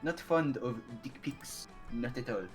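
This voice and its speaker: A man's voice: mid-range voice, measured pace, soft background music, voice pushed down, close to an everyday voice. Man putting on a haughty French-accented young woman. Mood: scornful. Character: vain, sharp-tongued young woman. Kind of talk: reading game dialogue in character.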